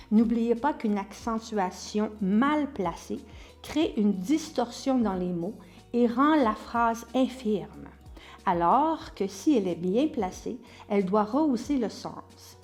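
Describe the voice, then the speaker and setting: A woman's voice: on the high side, a little mellow. Woman acting coach, Québécois accent, online lesson, explanatory and demonstrative, light background music. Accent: Québécois French. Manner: explanatory, demonstrates stress by example. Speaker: acting teacher.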